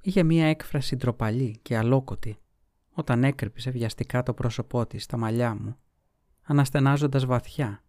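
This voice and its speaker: A man reading a novel aloud as an audiobook, in measured, even storytelling. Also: mid-range voice, no echo, clean studio sound. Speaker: audiobook reader. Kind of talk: scripted narration of a novel.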